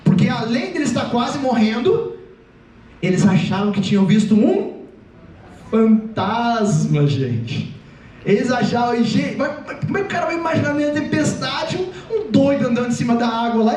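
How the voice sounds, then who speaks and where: High-pitched man preaching, echoey hall. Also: recorded from a distance. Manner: animated, joking, acts out voices. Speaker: youth preacher. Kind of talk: lively comic youth sermon. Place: church hall.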